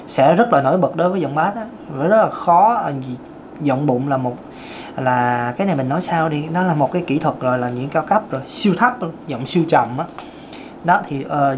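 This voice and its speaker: A man's voice: a little high, slight background noise. A man, a vocal coach giving a casual singing lesson and talking straight to his viewers. He demonstrates different vocal registers as he explains them. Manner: chatty, addresses viewers directly.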